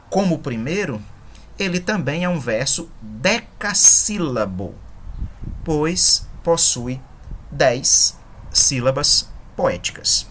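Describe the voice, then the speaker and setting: Low-pitched female teacher, patient and methodical, faint noise in the background. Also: a bit bright. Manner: patient, methodical, counts syllables aloud slowly. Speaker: poetry teacher. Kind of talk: online lesson explaining scansion.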